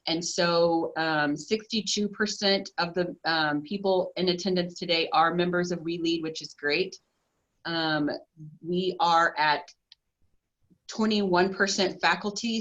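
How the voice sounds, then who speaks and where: A woman with a very low voice moderates an online panel in a casual, informative way. Her audio comes through a dull, lo-fi video call. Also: a bit bright.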